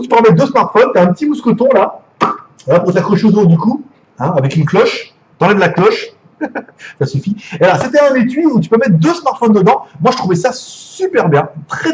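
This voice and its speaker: A man's voice: sits high, darkish tone, highs cut off, slight background noise. A man with a French accent, chatty and jokey, unboxing gadgets live and swearing casually. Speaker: gadget reviewer.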